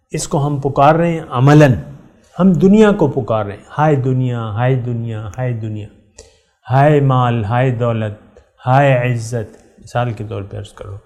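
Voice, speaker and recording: A middle-aged man giving a Quran lesson as a sermon, speaking straight to his listeners, repeating key words for emphasis and reciting verses slowly. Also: medium pitch, darkish tone. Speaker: Quran teacher.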